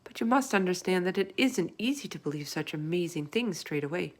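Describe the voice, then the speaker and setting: A woman's voice: on the low side, lively intonation, brisk. A woman voicing a curious, polite, wide-eyed young girl in a storybook, with an eager, questioning manner. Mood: earnest, apologetic. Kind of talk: storybook read-aloud character voice.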